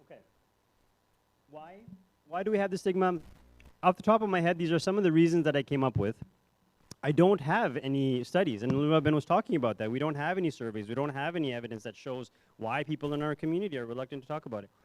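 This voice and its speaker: A man's voice: a little high, quick pace, no echo. Young guy presenting at a conference, loose and chatty, lots of ums and restarts, dry close mic sound. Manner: conversational, self-deprecating, many fillers and restarts. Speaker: psychiatrist giving a conference talk. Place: hotel ballroom.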